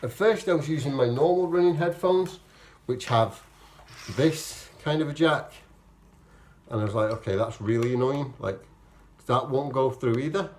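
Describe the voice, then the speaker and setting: Chatting to the camera, this amateur marathoner rambles through explanations, correcting himself midstream and voicing his past thoughts as little performed quotes. His mid-pitched voice is a little mellow and moves at a normal speed, with a slight hiss or hum in the audio.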